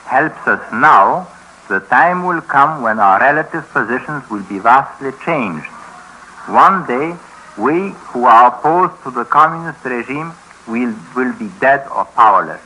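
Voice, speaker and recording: In a 1950s radio docudrama, a male actor plays a grave, educated escapee from communist Eastern Europe, speaking formally and deliberately. His mid-range voice has a sharp tone, and the vintage radio recording is noisy.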